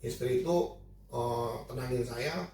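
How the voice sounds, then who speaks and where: A man's voice: medium pitch, measured pace, darkish tone, far from the mic. A middle-aged man tells a personal testimony to his church group in a casual, emotional way, often repeating and restarting his phrases. His voice bounces around a very echoey room. He sits some way back from the mic. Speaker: church small-group member sharing testimony.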